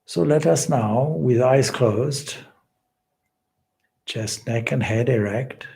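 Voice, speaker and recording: Leading a guided meditation, a male spiritual teacher speaks at medium pitch with a creaky, darkish tone. His delivery is measured, deliberate, and solemn, with long pauses.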